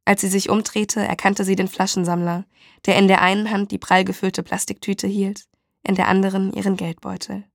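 A woman reading a story aloud in a steady, measured way. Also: medium pitch, creaky, no room sound, studio quality. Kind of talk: storybook narration.

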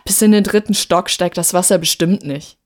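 A woman reading aloud and voicing a tired young male student neighbour who calmly shrugs off worry. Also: fairly low pitch, moderate pace, natural voice.

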